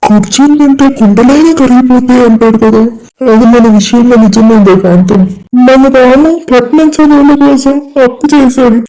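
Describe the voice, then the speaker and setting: A man's voice: very high-pitched, moderate pace, mellow, rough recording. A man with a Telugu accent voicing the men in a cartoon moral story, stern and scolding. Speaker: storyteller voicing the male characters.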